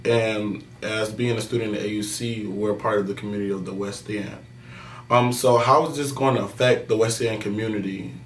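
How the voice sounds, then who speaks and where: A man's voice: on the low side, fairly even intonation, fairly quick, slight background noise. Young man asking questions in a roomy space. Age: young adult. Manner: hesitant, searching for words. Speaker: student podcast host. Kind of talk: podcast interview questions. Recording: roomy, distant mic.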